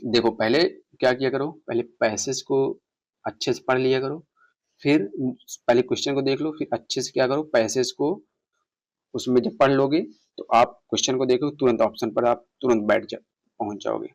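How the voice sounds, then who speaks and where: A man teaching an online exam-prep lesson, reading passage lines slowly and explaining them, asking his students questions. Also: medium pitch, steady tone. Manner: reads English passages slowly, explains in Hindi, quizzes viewers. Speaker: English exam tutor.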